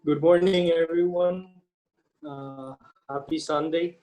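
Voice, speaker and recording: A man introducing himself to a workshop in a hesitant, halting way. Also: high voice, animated, creaky, warm tone, low-quality recording. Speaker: workshop participant. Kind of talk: casual introduction.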